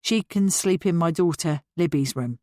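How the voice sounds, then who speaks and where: Woman doing a calm polite dad, slow, lots of ums, low dry voice. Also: no room sound, close to an everyday voice. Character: calm middle-aged father, polite and apologetic.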